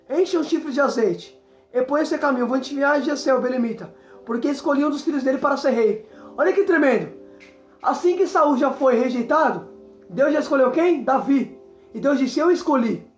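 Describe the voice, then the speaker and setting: High-voiced emphatic woman preaching. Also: reverberant. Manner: emphatic, repetitive, exclaims often. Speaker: evangelist preacher. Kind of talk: sermon.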